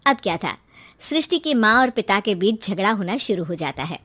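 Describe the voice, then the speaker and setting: A woman's voice: medium pitch, sing-song, moderate pace, a bit bright, no echo, studio quality. A woman reading a scripted story narration as the storyteller.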